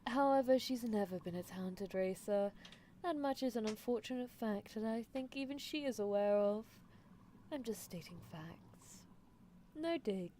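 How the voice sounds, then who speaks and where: On a roleplay ASMR livestream, a woman plays a playfully menacing female mad scientist, teasing and chatty as she muses theatrically and answers chat in character. Her voice is fairly high and expressive at a moderate pace, with a dark tone, light acting and slight background noise.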